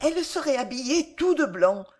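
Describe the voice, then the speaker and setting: A woman's voice: sits high, lively intonation, moderate pace, a little mellow, pitched above the performer's own voice. A woman reading an audiobook and voicing a small, lonely orphan boy who asks pleading questions. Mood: dreamy longing.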